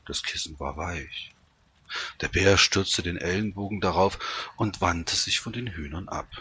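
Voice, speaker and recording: A deep male voice reads a fairy tale aloud with measured, expressive pacing. The tone is heavily husky yet bright and forceful in its attack. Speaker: storyteller.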